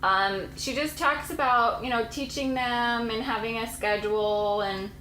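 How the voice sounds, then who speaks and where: A homeschooling mom vlogger in her late twenties chats and rambles to the camera, laughing often. Her fairly high voice is unhurried, pushed and bright, captured in poor, roomy audio with a little hiss or hum.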